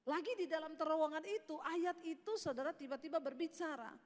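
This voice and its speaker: High-voiced woman preaching in a reverberant hall. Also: brisk. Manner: addresses the congregation as "saudara", animated storytelling. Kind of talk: testimony sermon.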